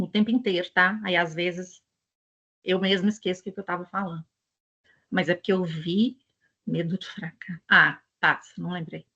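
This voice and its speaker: Presenting an education channel, a woman with a Brazilian Portuguese accent talks casually to her audience, chatty and digressive as she tells stories. Her voice is fairly low in pitch with a fairly bright tone, and the sound is lo-fi.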